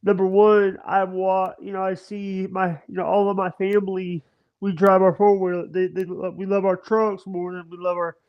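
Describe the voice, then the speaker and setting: Halting, stammering man in his thirties. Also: high voice, little pitch movement, clean tone. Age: 30s. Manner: halting, stammering, many restarts. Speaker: livestream guest. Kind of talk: casual chat. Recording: dull lo-fi stream audio.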